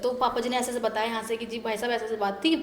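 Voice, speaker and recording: A young woman telling a personal story as a guest in a casual interview, animated and laughing as she goes. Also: fairly high pitch, rapid-fire. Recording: echoey room with faint background noise.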